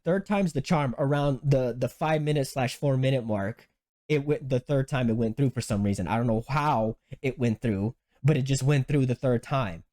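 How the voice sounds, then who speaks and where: A man telling a story in casual podcast chat, animated and full of swearing, with many restarts and sudden high jumps when he quotes himself. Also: normal speed. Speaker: podcast host.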